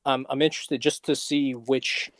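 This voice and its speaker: A man co-hosts a casual podcast chat, delivering long, rambling explanations in a dry, deadpan way. His pitch is ordinary and middle. The sound is close and dry, with no room echo. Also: normal speed. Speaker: podcast co-host.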